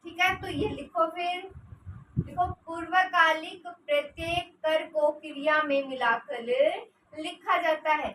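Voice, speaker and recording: A woman's voice: very high-pitched, fairly even intonation, slow, sharp tone. A woman teaching a grammar lesson who asks rhetorical questions, answers them herself and dictates notes for her students to write down. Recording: roomy echo, distant mic, noisy.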